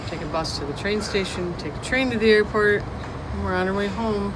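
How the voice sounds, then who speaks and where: A woman speaks casually to a handheld camera on a travel vlog, reflective and heartfelt as she thanks friends back home. Loud traffic and engine noise fill the street around her. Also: medium pitch, normal speed. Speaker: travel vlogger. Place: outdoors at a bus stop.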